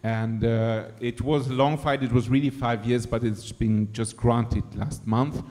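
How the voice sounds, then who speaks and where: A Luxembourgish man, a screenwriter-director in the audience, asks a question from the floor, thoughtfully and with many fillers. His mid-range voice is mellow and steady in tone, a little slow. The hall's reverb is audible.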